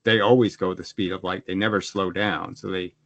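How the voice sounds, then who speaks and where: Low-ish guy on a video call, muffled dry audio, keeps restarting sentences while explaining. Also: fairly quick, creaky, dry recording. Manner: restarts often, animated when pressed. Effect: heard over a video call. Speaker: guest explaining his physics model. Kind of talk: conversational explaining.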